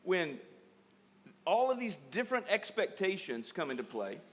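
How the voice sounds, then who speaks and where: A man from the United States preaching at a conference, speaking in short phrases and pausing for an interpreter. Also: high voice, sing-song, fairly bright tone. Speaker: pastor. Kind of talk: conference sermon with live interpretation. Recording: echoey hall with long reverb.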